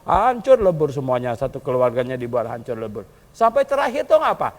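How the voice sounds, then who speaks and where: Telling a story with frequent chuckles, a male pastor delivers a colloquial sermon, alternating soft asides with loud appeals to the congregation. He speaks fairly quickly at medium pitch, with big swings in intonation.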